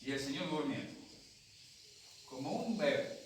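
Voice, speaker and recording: Argentine pastor in an echoey church. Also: male voice, a little high, expressive, a little slow, a little hiss or hum. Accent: Argentine Spanish. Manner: storytelling, acts out voices, talks with the congregation. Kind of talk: sermon. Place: church hall. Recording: echoey hall from a distant mic.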